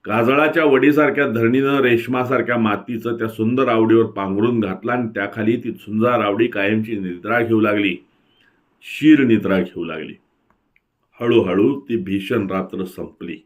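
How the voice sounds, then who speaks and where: A man reading a novel aloud with expressive storytelling and slow, emphatic pauses. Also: medium pitch. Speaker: reader.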